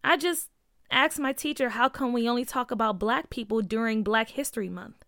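A woman's voice: on the high side, moderate pace, a bit bright, dry recording. Woman doing a persistent schoolgirl, questioning, earnest, storybook voice, dry close sound. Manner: questioning, insistent.

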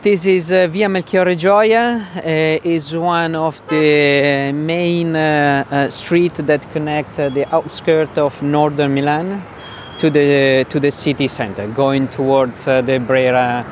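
Halting Italian-accented man, faint street noise. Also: fairly high pitch, steady tone. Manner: hesitant, halting delivery. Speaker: sustainability officer being interviewed. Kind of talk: spontaneous interview answers. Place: outdoors in a city, walking. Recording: outdoor street with traffic noise.

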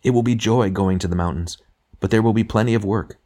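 A male narrator plays a serene younger spirit, a redeemed sinner in a storybook. He speaks with calm, kindly frankness and a quiet joy, patiently urging and reassuring. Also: fairly low pitch, fairly quick, pitched above the performer's own voice, close to an everyday voice. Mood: joyful, urging. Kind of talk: literary audiobook character dialogue.

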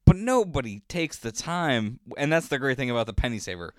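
A man's voice: mid-range voice, sing-song, brisk, smooth, dry recording, studio quality. A man co-hosting a comedy podcast, swearing and wisecracking in casual banter. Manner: profane, wisecracking.

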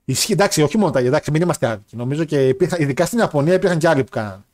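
A man banters through a casual wrestling chat show. He reads out viewer messages with quick jokes and bursts of laughter. His talk stays lively and playful. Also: on the high side. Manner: animated, laughing, joking banter. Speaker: podcast co-host.

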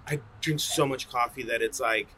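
A coffee roaster appears as an interview guest, answering casually in a medium-pitched, bright, forceful voice with fairly even intonation at normal speed. He is bilingual in English and fluent Spanish, and his informal, rambling answers are full of slang, with slight background noise.

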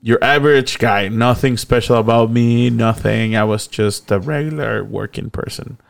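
A man's voice: medium pitch, normal speed, creaky. A young man casually telling a long personal story, rambling and laughing often.

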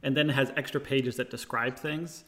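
A man hosting a casual podcast chat who talks in an animated way, laughs often and poses questions to the group. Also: medium pitch, normal speed.

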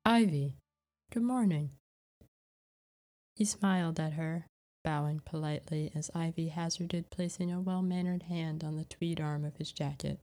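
Low, mellow woman narrating a story. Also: little pitch movement, moderate pace.

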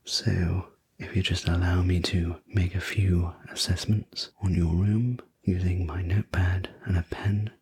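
A man in a soft, breathy ASMR role-play, speaking as a soothing, gentle sleep story narrator and attendant. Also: sits low, flat delivery, a little hiss or hum. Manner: slow, gentle, reassuring delivery. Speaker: host playing a sleep room preparation attendant.

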